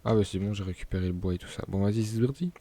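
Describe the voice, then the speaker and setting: Young gamer guy, lowish mellow voice, relaxed chatty commentary with laughs. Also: racing. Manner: chatty, laughs and stumbles over words. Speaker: gaming YouTuber. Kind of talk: casual gameplay commentary.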